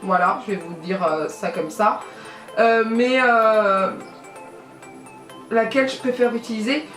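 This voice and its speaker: A woman's voice: fairly high pitch, a little slow, a bit bright, distant mic. A woman from France talks through a makeup tutorial in a loose, chatty way, full of fillers and self-corrections. She sits a little back from the mic in a roomy, echoing space. Faint music plays underneath. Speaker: beauty vlogger. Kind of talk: casual makeup tutorial chat. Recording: echoey room, voice a bit off-mic, faint music.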